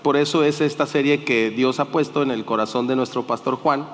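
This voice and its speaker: A slightly hoarse man preaching a sermon, emphatic and calling on the congregation to answer back. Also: mid-range voice, fairly even intonation, a little fast. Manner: emphatic, calls for congregation responses. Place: church hall. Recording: long reverb of a church hall.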